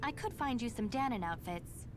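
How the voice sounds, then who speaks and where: A woman's voice: a little high, animated, normal speed, a little hiss or hum, natural voice. An actress playing a perky, teasing young rebel woman in a video game dub. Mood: cheerful, teasing. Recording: game music over the voice.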